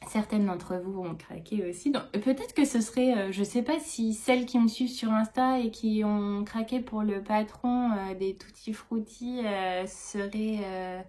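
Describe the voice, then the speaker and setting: A woman's voice: medium pitch, unhurried, few pauses, warm tone. A woman in her thirties chatting casually about her knitting and crochet projects, rambling with many hesitations. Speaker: knitting vlogger. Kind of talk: casual chat.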